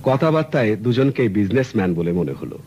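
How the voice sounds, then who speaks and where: Playing an earnest, polite middle-aged client, this actor in a 1970s radio drama explains his story at length and with courtesy. His voice is on the low side, sing-song, brisk and dark in tone, and the old radio recording sounds muffled with a faint hiss.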